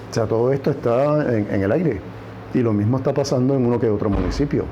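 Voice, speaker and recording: A man's voice: medium pitch, quick pace, mellow, highs cut off, slight background noise. A man with a Puerto Rican accent giving political commentary on a news program, stressing points by repeating words. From Puerto Rico.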